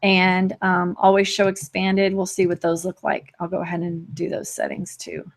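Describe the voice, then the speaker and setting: A woman leads a live screen-share demo of software, talking fast and casually with a chatty manner. She frequently stops and restarts her sentences and laughs lightly between points, her voice lowish and level.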